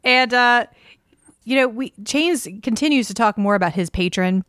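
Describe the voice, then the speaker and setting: A woman's voice: fairly high pitch, moderate pace, fairly bright tone, no room sound, studio quality. A woman co-hosting a casual book discussion podcast, chatty and giggly, using casual slang. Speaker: podcast co-host.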